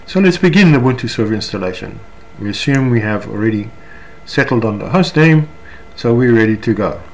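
In this unscripted screencast, a South African man demonstrates software, describing every step in a halting way. His fairly low voice has lively intonation and vocal fry, set against faint noise and room ambience.

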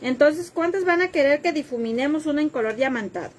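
A woman's voice: sits high, expressive, fairly quick, a little hiss or hum. A woman hosting a live craft tutorial, chatting with viewers and joking about herself while she cuts. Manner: chatty and self-deprecating, reads viewer comments while working.

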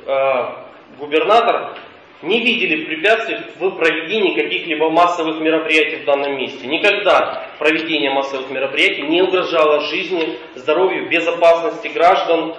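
A man's voice: fairly high pitch, a bit bright, recorded from a distance, lo-fi sound, slight background noise. Man arguing in court, echoey dictaphone recording. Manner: formal, measured, with occasional hesitations. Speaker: legal representative in court. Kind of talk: formal courtroom argument. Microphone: dictaphone far from the speaker.

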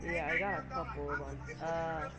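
A man's voice: a little high, little pitch movement, moderate pace. A man hosting his own game stream, talking aloud in a scattered way as he works through settings and menus. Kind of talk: casual gaming chat.

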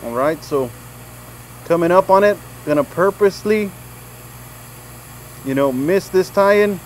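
A man in his thirties giving a relaxed, folksy welding demonstration in a shop, talking the viewer through each step. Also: high voice, measured pace, slight background noise. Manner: relaxed, folksy, frequent "you know". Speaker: welding instructor. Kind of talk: casual demonstration tutorial. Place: large welding shop indoors.

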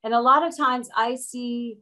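A woman's voice: a little high, steady tone, measured pace, pushed and bright, poor audio. An older woman from Florida, a student in a witchcraft class, chatting casually and rambling a little on a video call from a room at home. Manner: chatty, self-deprecating, rambling. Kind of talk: casual chat.

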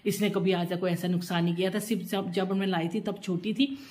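With a fairly low, steady, slightly mellow voice, a middle-aged woman talks briskly in a home vlog. She works through kitchen chores as she rambles from one thing to the next, now and then drifting away from the phone.

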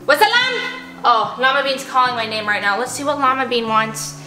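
A woman vlogger acting out a playful pretend-play story with her toy llamas, animated and full of gasps and exclamations. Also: fairly high pitch, fairly quick, heavy background noise. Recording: echoey room with music behind.

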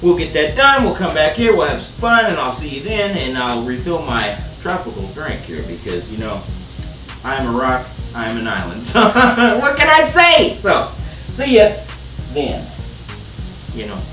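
A man's voice: a little high, sing-song, normal speed, pushed and bright, far from the mic, soft background music. Joking young man cooking at home. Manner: joking, rambling, calls viewer baby and sir. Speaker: cooking show host. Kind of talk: casual cooking vlog. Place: home kitchen, indoors. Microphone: camera mic at a distance. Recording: roomy kitchen sound from off-mic.

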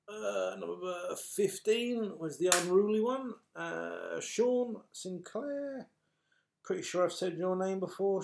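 With a gravelly voice that sits high, a middle-aged Brit announces raffle balls, numbers and names included, the way a bingo caller would, chatty, matey, and apologetic to players. The clip comes from a noisy home webcam in a small furnished indoor room, with clatter audible.

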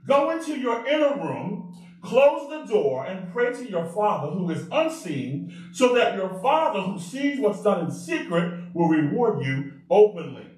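A male pastor preaching a sermon in an animated way, calling out to the congregation for responses. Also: high-pitched, measured pace. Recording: very echoey room, mic far off.

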